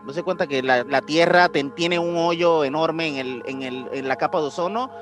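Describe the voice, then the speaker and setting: On the high side and fairly bright in tone, this man's voice moves at a normal speed as he hosts a podcast with music in the background. He has a Puerto Rican accent and explains things casually, with slang and recurring phrases.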